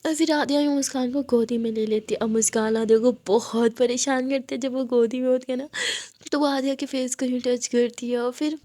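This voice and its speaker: A woman's voice: high-pitched, steady tone, brisk, dark tone. A woman telling a love story in a casual, chatty retelling style. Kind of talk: casual spoken story narration.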